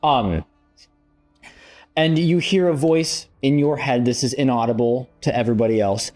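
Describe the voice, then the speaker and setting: A man's voice: medium pitch, moderate pace, a little mellow, soft background music. A man running a tabletop game as game master, improvising narration and playful banter. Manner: playful, jokey.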